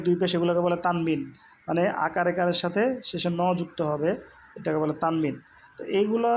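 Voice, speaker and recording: A man's voice: fairly high pitch, highs cut off, a little hiss or hum. A man teaching Quran letter pronunciation in a patient, repetitive way, speaking. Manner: patient, repeats sounds slowly with many fillers. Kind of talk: instructional lesson.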